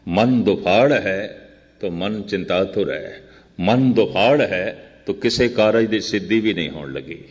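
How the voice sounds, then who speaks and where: An older man delivers a scripture sermon in slow, measured phrases, often repeating and contrasting his lines. His voice is low-pitched. The recording is dull and muffled, with a long echo hanging in the hall. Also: expressive, breathy edge. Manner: chants quoted verse very slowly. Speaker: Sikh preacher giving katha.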